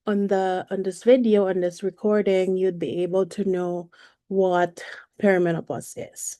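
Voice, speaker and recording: A woman, a perimenopause coach giving a live online presentation in a halting way, with frequent fillers and self-corrections. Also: mid-range voice, warm tone, dry recording, studio quality. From Philippines. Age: 40s.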